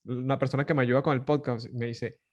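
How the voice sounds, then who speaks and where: A man with a Caracas Venezuelan Spanish accent hosts a podcast in loose conversation. His pitch sits in the middle of the male range. He talks animatedly, laughs often, and restarts phrases with fillers. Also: fairly even intonation, fast talker, darkish tone, muffled recording. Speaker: podcast host. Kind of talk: casual conversation.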